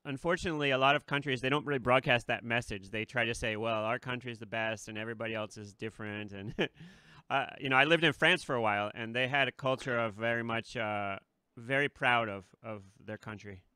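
In a small red-curtained studio, a male host runs a relaxed interview through a desk mic while wearing headphones. His mid-range voice is brisk and sharp-toned, captured smooth and dry, and his talk is chatty, punctuated by laughter and plenty of fillers.

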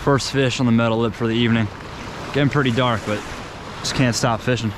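Man, fishing vlogger, excited casual commentary, outdoor beach, camera mic, loud crashing surf behind. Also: mid-range voice, fairly quick, background noise. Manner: excited, casual, says "dude" often. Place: ocean beach outdoors at dusk. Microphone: GoPro camera mic. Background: crashing surf and waves.

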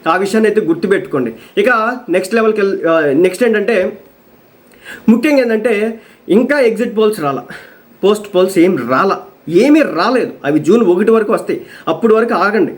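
A man's voice: high-pitched, expressive, fairly quick, long pauses. A man giving an emphatic, scolding political commentary monologue, repeating his pleas.

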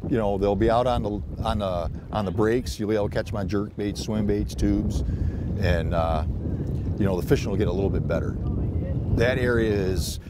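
Low-voiced angler rambling on a windy lake. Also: male voice, normal speed. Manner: rambling, many fillers and restarts. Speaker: bass angler. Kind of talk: casual explanation on camera. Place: on a fishing boat on a lake outdoors. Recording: windy outdoor boat noise.

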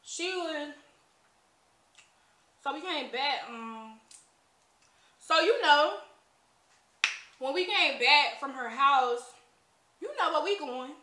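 An echoey room carries the high, bright voice of a young American woman. She tells a casual, rambling story as she eats, often speaking through a mouthful of food. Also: lively intonation, slow, pauses often, slight background noise. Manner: talking while eating, mouth often full. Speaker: mukbang vlogger. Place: indoors, small bare-walled room at a table.

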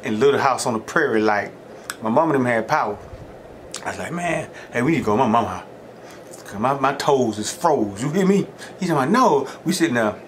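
A man's voice: medium pitch, fairly bright tone. Middle aged southern guy just chatting while he eats, folksy and rambly, some noise behind him. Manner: folksy, rambling storytelling with repeated catchphrases; talks between mouthfuls of food. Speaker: mukbang host. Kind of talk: casual chat while eating.

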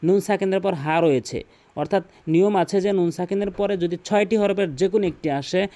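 A man's voice: sits high, a little fast, dark tone. A man teaching Quran recitation in Bengali with a Bangladeshi accent, explaining pronunciation rules step by step and repeating key points. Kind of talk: tutorial explanation with recited examples.

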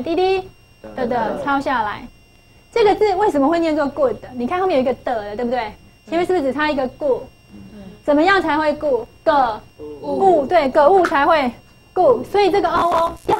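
Woman, high pitch, middle-aged, classroom teacher, coaxing, repeats herself. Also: animated, a little fast, rough recording. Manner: coaxing, asks pupils questions, repeats key phrases. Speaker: English teacher. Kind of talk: classroom phonics lesson.

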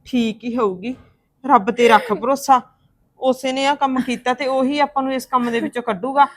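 An actress playing a woman who comforts and reassures her grieving sister-in-law and calmly explains what has happened. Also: sits high, normal speed, no echo, clean studio sound, close to an everyday voice. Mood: soothing. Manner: soothing, reassuring, talks it through. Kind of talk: Punjabi family drama acting.

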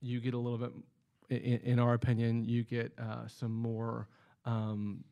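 A man who is the production manager at a distillery, explaining at length in a measured, casual podcast chat with frequent ums. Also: mid-range voice, completely flat delivery, creaky, warm tone. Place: indoor studio at a table.

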